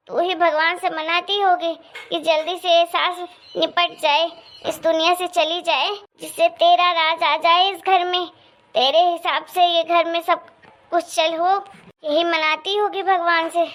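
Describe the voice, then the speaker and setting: Sharp-tongued, feverish mother-in-law who scolds and complains, played by a woman; cartoon story, high pitch. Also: little pitch movement, a little slow. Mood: scolding. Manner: bitter and scolding. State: feverish and in pain. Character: harsh, complaining middle-aged mother-in-law.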